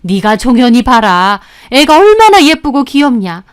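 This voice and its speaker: A woman's voice: sits high, clean tone, lightly acted. A woman playing a scolding older mother-in-law. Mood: reproachful. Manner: scolding, reproachful, sometimes slow and emphatic. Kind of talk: scripted storytelling.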